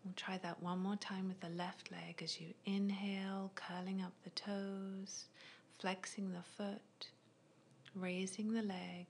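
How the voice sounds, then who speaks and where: A woman guiding a progressive muscle relaxation in a soft, unvoiced ASMR whisper, with slow, gentle, soothing instructions. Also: medium pitch, flat delivery, slight background noise. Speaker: relaxation guide.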